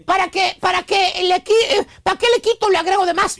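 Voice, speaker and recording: Mocking high-voiced radio host. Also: male voice, level tone, fairly quick, vocal fry, a bit bright. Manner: scolding, mocking, acts out quoted voices. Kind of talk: comedic radio monologue.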